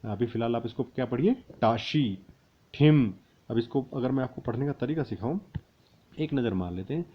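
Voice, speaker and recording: A man teaching a language lesson, slowly spelling out syllables and then repeating each whole word. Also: medium pitch, expressive, lo-fi sound. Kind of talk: spoken grammar lesson.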